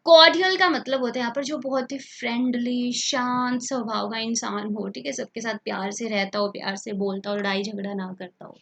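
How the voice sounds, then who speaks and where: A woman's voice: a little high, steady tone, moderate pace, vocal fry, few pauses, fairly bright tone. A woman teaches vocabulary for competitive exams. She explains each word in Hindi, repeats the terms several times, and keeps checking in with her students as she goes. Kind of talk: online exam-prep lesson.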